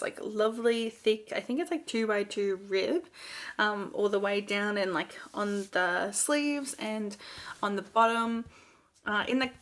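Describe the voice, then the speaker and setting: An Australian woman talks through her plans in a relaxed, chatty knitting vlog. She rambles a bit, with plenty of ums, likes and restarts, at a mid-range pitch. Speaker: knitting vlogger. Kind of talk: casual chat.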